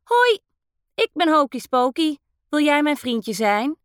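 A woman voicing a small, friendly, cheerful little ghost in a playful, teasing, high voice. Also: big pitch swings, slow, dry recording, clean studio sound, exaggerated voice.

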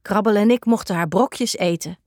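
A woman voicing a gentle female cat in a children's story, speaking softly and tenderly. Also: mid-range voice, normal speed, dry recording, studio quality, natural voice.

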